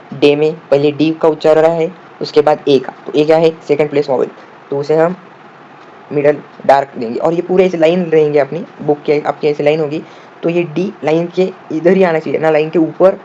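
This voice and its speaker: A man explains shorthand step by step, asking the viewer questions and answering them himself, sometimes spelling words out slowly. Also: a little high, mellow. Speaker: shorthand teacher. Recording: dull lo-fi audio with faint room noise.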